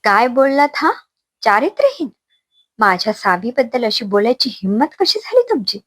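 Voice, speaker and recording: Brief: woman narrator doing proud village father in a family drama, pleading turning to thunder, raised pitch. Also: very animated, normal speed, a bit bright, no echo. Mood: outraged. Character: angry middle-aged village father, wounded pride.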